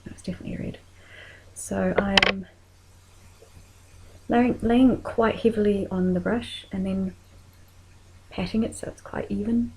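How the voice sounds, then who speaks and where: A woman with a New Zealand accent talking through a makeup tutorial in a soft voice that often drops to a whisper while she works. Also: mid-range voice, fairly even intonation, slow, pauses often, noisy background.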